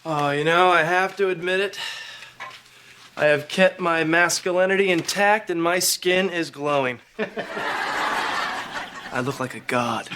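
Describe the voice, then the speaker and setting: A man's voice: fairly high pitch, takes it slowly, pauses often. A young man acting in a sitcom as a goofy, easily rattled dad, blunt and exclamatory. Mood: uneasy, boastful. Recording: very noisy sitcom soundtrack.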